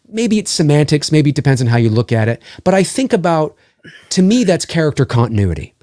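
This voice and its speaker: A man's voice: fairly high pitch, big pitch swings, fairly quick, warm tone, no room sound, studio quality. A man, a voice actor guest on a podcast, talking at length in casual chat, often restarting and groping for words. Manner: talkative, gropes for words and restarts mid-thought.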